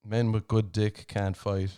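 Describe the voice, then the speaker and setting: Slow-talking, laughing podcast host man. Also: fairly low pitch, little pitch movement, mellow, clean tone. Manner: laughs often, swears freely, reads tweets aloud. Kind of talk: casual comedic chat.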